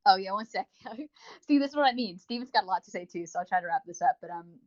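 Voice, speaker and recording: A woman's medium-pitched voice comes through animated and fast as she co-hosts a podcast. She gives an excited, rambling review in an easygoing, chatty way, though the recording itself is dull and lo-fi.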